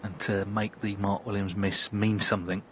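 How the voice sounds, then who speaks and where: A man giving measured, understated analysis as part of live snooker commentary. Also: lowish voice, little pitch movement. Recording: crowd ambience and background noise.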